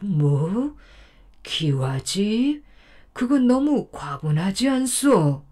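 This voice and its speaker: A woman voicing a kind, gentle old grandfather who talks in a slow, drawn-out way. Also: medium pitch, sing-song, full character voice. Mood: placating.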